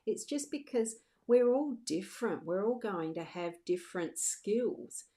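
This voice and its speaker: A woman's voice: medium pitch, animated, unhurried, warm tone. A middle-aged woman, a psychic medium, chatting reassuringly to viewers on a livestream, often restarting her sentences. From Australia. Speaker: psychic medium doing live card readings. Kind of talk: casual livestream chat.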